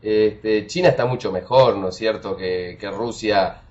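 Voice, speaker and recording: A man's voice: on the low side, unhurried, darkish tone. A man with an Argentine Spanish accent, an interviewer asking questions conversationally, with hesitations and fillers. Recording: dull lo-fi audio with faint music.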